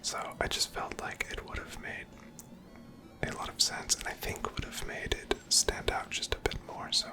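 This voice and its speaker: The clip features whispered ASMR gameplay commentary, with a streamer speaking in airy, unvoiced breath and reflecting aloud at a leisurely pace.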